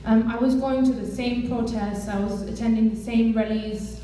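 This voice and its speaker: Far from the microphone in a large echoey hall, a young German woman who works as a campaigns director speaks earnestly to a live audience, using many fillers. Her mellow, somewhat high voice stays level at normal speed, with slight background noise.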